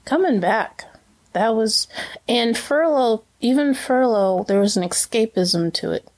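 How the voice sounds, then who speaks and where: In a casual, reflective interview, a woman raised as a missionary kid in Brazil chats with plenty of fillers and restarts. Her voice is fairly high and lively in intonation, and she talks a little slowly.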